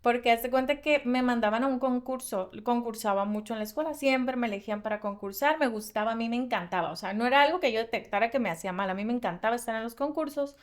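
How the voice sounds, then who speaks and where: A woman with a Mexican Spanish accent and a high voice talks through a casual podcast conversation. She tells her stories animatedly, rushing through some stretches and slowing on others. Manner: animated storytelling, fast bursts, frequent laughs. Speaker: podcast co-host.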